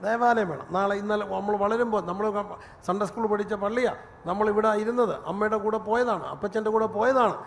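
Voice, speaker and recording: A man's voice: high-pitched, fairly quick, big-room sound, slight background noise. A male pastor giving a sermon, telling stories in an easy, chatty way that builds into fervent preaching. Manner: conversational storytelling that rises into fervent preaching.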